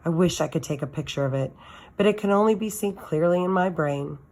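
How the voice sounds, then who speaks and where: This woman's voice sits slightly low and a little mellow as she reads from a children's novel at a fairly quick clip. Her narration is expressive, the way a teacher might tell a story to a class.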